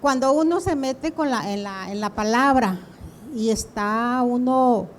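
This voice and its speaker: A woman in a Bible class haltingly sharing a personal experience. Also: on the high side, a little hiss or hum. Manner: hesitant, halting. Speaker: class member.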